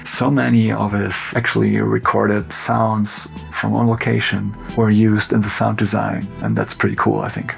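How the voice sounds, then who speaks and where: A cinematographer with a German accent talking through a film breakdown in a relaxed, loose way, full of "like" and "you know". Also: male voice, lowish voice, moderate pace, gravelly, hardly any pauses, faint music behind. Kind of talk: casual behind-the-scenes commentary.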